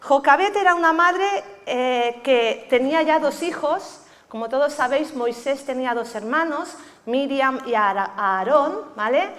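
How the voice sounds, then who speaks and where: Woman pastor, middle-aged, high voice, chatty sermon delivery in a reverberant church. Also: animated, a little slow, hardly any pauses, a bit bright. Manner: conversational preaching with frequent tag questions.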